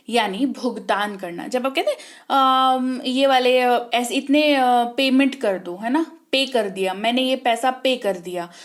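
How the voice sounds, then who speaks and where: A woman teaches an online spelling lesson, her voice sitting a little high. She spells out words letter by letter and asks the class questions, then answers them herself. She repeats each word slowly. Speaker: English teacher.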